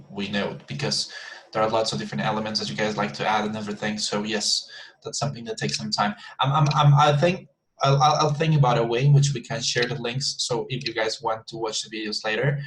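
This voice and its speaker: Non-native male teacher on a video call, mid-pitched, stop-start casual talk with faint noise behind. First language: Spanish. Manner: halting, repeats words. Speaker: English teacher. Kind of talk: casual online class talk.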